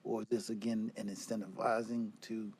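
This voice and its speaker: A man's voice: lowish voice, little pitch movement, normal speed, a little mellow, slight background noise. A man questioning a presenter as a council member at a public meeting, probing and rephrasing as he goes.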